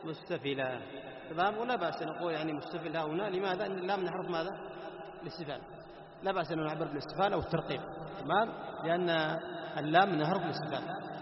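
A man teaching a Quran recitation class, questioning his students and answering himself. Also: on the high side. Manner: chants Quran verses slowly as examples. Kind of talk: classroom lesson on tajweed. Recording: echoey hall, dull lo-fi, background noise.

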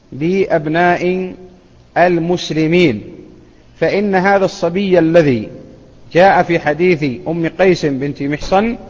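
A man teaches a religious text in a slightly high voice, unhurried and explanatory, with small hesitations. His voice carries a long reverb, and the recording sounds dull and lo-fi. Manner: measured, explanatory, with hesitations and self-corrections. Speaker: Islamic scholar teaching hadith.

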